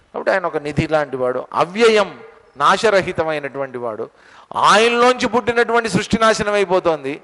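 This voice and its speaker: A man giving a spiritual discourse on scripture, explaining each word and asking his listeners questions, with stretches of slow verse chanting. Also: on the high side, fairly bright tone. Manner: explains word meanings and drills pronunciation, asks the audience questions. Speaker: Gita teacher. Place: lecture hall. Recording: long hall reverb.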